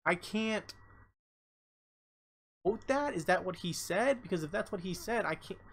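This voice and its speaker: A man's voice: high-pitched, animated, a little slow, creaky, fairly bright tone, husky, poor audio. A man live streaming, reading a news article aloud and breaking off with blunt, profane commentary, often stumbling over words.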